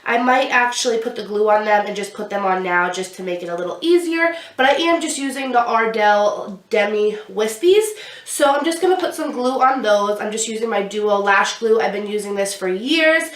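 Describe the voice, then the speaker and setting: Congested from a cold, a young woman vlogs a makeup tutorial in a small indoor room with a glittery backdrop, chatting about every step while applying products. She speaks expressively in a mid-range voice at a moderate pace, and the roomy audio suggests the mic sits a bit away.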